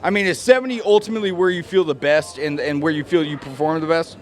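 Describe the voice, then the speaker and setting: A man's voice: on the high side, fast. A man doing a casual sports interview in an informal, chummy way. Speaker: interviewer, former fighter.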